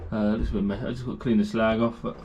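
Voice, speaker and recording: A man's voice: fairly low pitch, flat delivery, racing, dull audio, background noise. A man with a British English accent narrating a casual workshop vlog while building a race car, chatty and rambling with lots of fillers, a little out of breath from the heat. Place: hot garage workshop.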